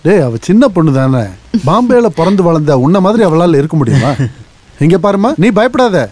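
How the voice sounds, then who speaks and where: An actor playing a kindly relative who speaks in a reasonable, reassuring way. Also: male voice, high-pitched, very animated, brisk, a little mellow, no room sound. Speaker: film character. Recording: film soundtrack with faint music.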